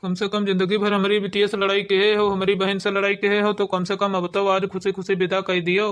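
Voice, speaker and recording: A man's voice: sits high, monotone, a little fast, a bit bright, smooth. A helpless, henpecked village brother played by a man in a comedy skit. He speaks with an Awadhi accent, sounding loving yet aggrieved, in a resigned, complaining manner.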